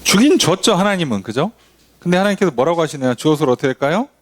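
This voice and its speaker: A male pastor teaches a midweek Bible study, talking to his listeners conversationally and peppering them with rhetorical questions. His voice sits a little high and swings widely in pitch as he acts out the quoted voices in his stories. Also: lively intonation, racing.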